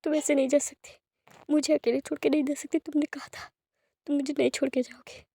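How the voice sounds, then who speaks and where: A woman plays a heartbroken young man who begs through sobs, circling the same broken words. The voice sits high and bright, recorded close and dry. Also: little pitch movement, fairly quick, vocal fry, dry recording. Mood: anguished pleading. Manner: sobbing, pleading, broken repetitions. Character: grieving young man crying for his partner.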